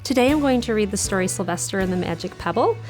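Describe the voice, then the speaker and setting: With faint music behind her, a woman speaks in a mid-range, slightly mellow voice that is animated and quick. She teaches elementary school, reading aloud to young children and explaining her method, breaking words and lessons down simply and clearly and asking her pupils questions.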